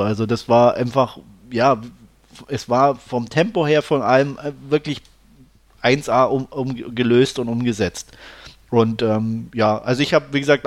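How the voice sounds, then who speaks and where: A man chatting casually in a film review podcast, talking freely with many fillers and restarts. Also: medium pitch. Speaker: podcast host reviewing films.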